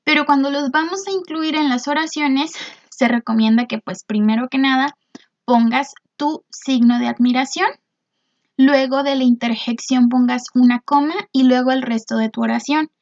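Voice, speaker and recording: Patient high-voiced woman teacher. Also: normal speed, darkish tone, lo-fi sound. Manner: patient, explanatory, checks with "¿no?" and "¿verdad?"; frequent "este" fillers. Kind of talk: recorded video lesson.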